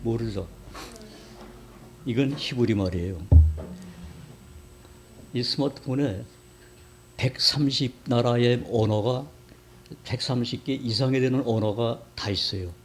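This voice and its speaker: Man giving a sermon in a church, mid-pitched voice, chatty, keeps quizzing the congregation. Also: slow, pauses often, slight background noise. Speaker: church elder preaching. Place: church sanctuary.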